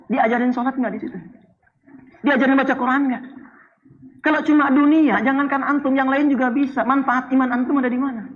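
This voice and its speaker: A man from Indonesia preaching a sermon, animated and playful, swinging between loud and soft. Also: extremely high pitch, a little hiss or hum. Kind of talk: Islamic sermon. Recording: dull lo-fi sound.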